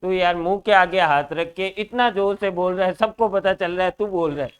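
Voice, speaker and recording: A male teacher with a Rajasthani accent runs a lively class, bantering and teasing students between problems. His voice sits high and rings smooth and clear. He talks in a classroom full of students. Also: moderate pace. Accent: Rajasthani Hindi. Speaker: reasoning teacher.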